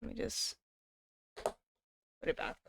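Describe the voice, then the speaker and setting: A woman's voice: takes it slowly, a little hiss or hum. Gushing young woman reacting. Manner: gushing, excitable, talks over music. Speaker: reaction video host. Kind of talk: casual reaction commentary.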